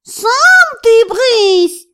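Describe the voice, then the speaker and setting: A woman's voice: sing-song, bright, forceful tone, full character voice. Filya, a woman voicing a whiny boastful cat. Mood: indignant. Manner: shrill, indignant, drawn-out wailing. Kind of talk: audiobook character voice.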